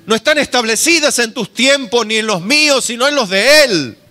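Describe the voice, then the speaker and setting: A man's voice: very high voice, animated, normal speed, sharp tone, no echo, faint music behind. A male pastor with an Argentine accent giving an earnest sermon and often calling his listeners brother. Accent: Argentine Spanish.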